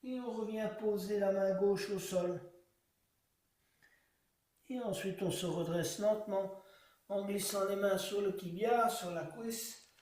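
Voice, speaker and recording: A man guiding a yoga class, giving slow, calm cues timed to the breath. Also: high-pitched. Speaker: yoga teacher. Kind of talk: guided yoga class instruction. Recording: echoey room, voice from far off.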